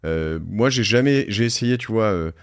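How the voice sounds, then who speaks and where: A man's voice: on the low side, lively intonation, moderate pace, clear, resonant tone. A man hosting a podcast interview in a joking, rambling, informal way. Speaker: podcast host. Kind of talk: casual interview.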